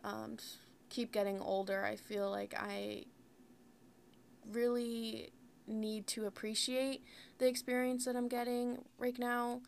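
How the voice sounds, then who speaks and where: An American woman of about twenty hosts her own solo podcast, talking candidly and rambling casually with heavy use of "like." Her fairly high, gravelly voice stays level in tone and unhurried. There's slight background noise.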